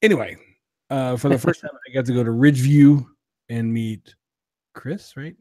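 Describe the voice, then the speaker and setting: This young man, a podcast co-host, jokes around casually while reviewing drinks, often at his own expense. His mid-range voice has a warm tone and moderate pace, recorded with no room sound.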